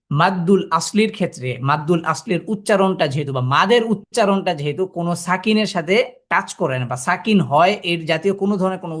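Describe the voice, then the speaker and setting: A man's voice: high voice, a bit bright. A man teaching a Quran reading class, explaining step by step and sounding out letters to demonstrate. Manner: explains step by step, asking the listeners rhetorical questions. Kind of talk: classroom lesson.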